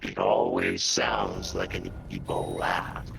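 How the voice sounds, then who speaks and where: A man talking through a voice changer that turns him into a deep, evil-sounding demonic figure. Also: very animated, slow, gravelly, full character voice. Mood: menacing. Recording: noisy game-stream mic.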